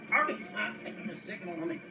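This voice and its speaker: A man's voice: sits high, sing-song, takes it slowly, roomy sound, distant mic, very noisy, heavily acted. An actor playing an older male TV presenter who keeps breaking off mid-sentence with hacking coughs. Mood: jovial. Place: restaurant table.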